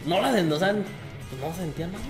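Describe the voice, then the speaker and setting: A man's voice: high-pitched, expressive, fast talker, reverberant, over loud music. A young Mexican man telling a long injury story in casual podcast chat, full of fillers and restarts. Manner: rambling storyteller, repeats fillers. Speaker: podcast guest.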